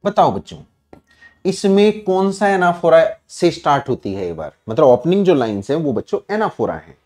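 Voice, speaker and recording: A man's voice: a little high, very animated, normal speed, a little mellow. A man with an Indian English accent teaching an online exam-prep English class, explaining answers step by step and quizzing his students.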